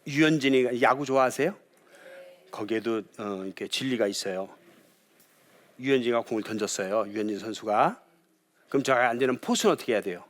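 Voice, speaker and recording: A male pastor lectures an audience in a lively, engaging way. He keeps throwing questions out to his listeners. His voice sits at an ordinary middle pitch. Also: a little fast, pauses often.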